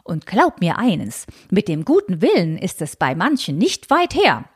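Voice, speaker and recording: A woman's voice: lowish voice, wildly swooping pitch, unhurried, breathy edge, heavily acted. A woman reading aloud and voicing a fussy, anxious, old-fashioned elderly aunt who frets about convention. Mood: fretful. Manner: fretful, scandalized, clinging to convention.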